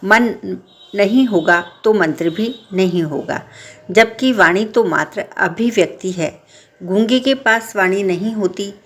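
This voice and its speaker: A woman voicing a wise male creator deity who delivers a deliberate, considered judgment. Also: mid-range voice, fairly bright tone.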